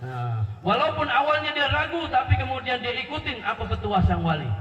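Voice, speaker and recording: A man with a very high voice preaches in a Pontianak Malay accent. He tells the story with animation, acts out each character and jokes with his listeners. He is recorded from a distance in a large hall, with long reverb and a dull, lo-fi sound. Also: sing-song, a little fast, background noise. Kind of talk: sermon storytelling. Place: large hall at a religious gathering. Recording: echoey hall from far off, dull lo-fi.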